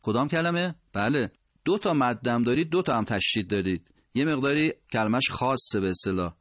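A man teaching Quran recitation, explaining pronunciation points and slowly drawing out example words. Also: medium pitch, lively intonation, a bit bright, no room sound, clean studio sound. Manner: slow, drawn-out demonstration of words. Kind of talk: tajwid lesson explaining pronunciation.

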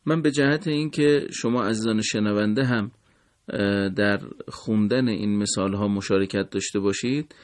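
Man, recitation teacher, radio lesson, formal and polite, lowish voice, dry close studio sound. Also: no echo.

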